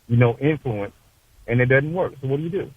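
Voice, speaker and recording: A man's voice: mid-range voice, brisk, crowd noise. A man calling in to a radio show, hesitant and searching for words. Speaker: caller. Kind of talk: radio call-in chat. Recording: tinny dry phone line.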